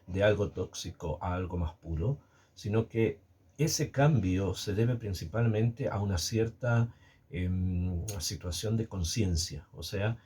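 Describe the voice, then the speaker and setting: A man giving a spoken Torah lesson, pausing often with fillers and restarting his sentences. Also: deep voice, darkish tone, breathy edge. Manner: hesitant, many fillers and restarts. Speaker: Torah teacher.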